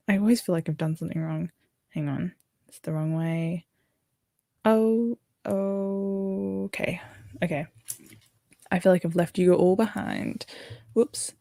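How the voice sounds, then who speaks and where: A young woman with an Australian accent chats on a livestream, her voice sitting a little low. She rambles and corrects herself mid-sentence, and the recording is dry and close, with no room sound. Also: warm tone, dry recording. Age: young adult. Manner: chatty and rambling, with fillers and self-corrections. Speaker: livestream host. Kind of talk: casual livestream chat, reading viewer comments.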